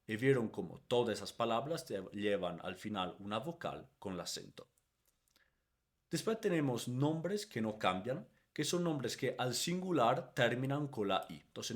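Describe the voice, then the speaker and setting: Man, teaching a grammar lesson in Spanish; animated pitch, patient step-by-step delivery, checks in with "ok?". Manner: explains step by step, keeps checking with "¿ok?"; stretches the Italian example words slowly and loudly. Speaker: Italian language teacher.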